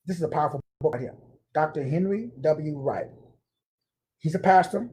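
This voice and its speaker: A man's voice: on the high side, animated, normal speed, darkish tone. A man giving an informal spiritual lecture, slangy and emphatic, repeating words for stress. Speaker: spiritual teacher.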